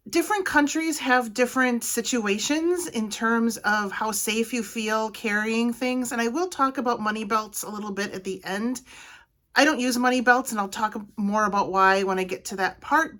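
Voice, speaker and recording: A middle-aged woman from Wisconsin, United States, speaks with a Wisconsin accent in a medium-pitched, slightly bright voice. As a travel vlogger, she gives practical travel advice to camera in a casual, plainspoken, orderly way.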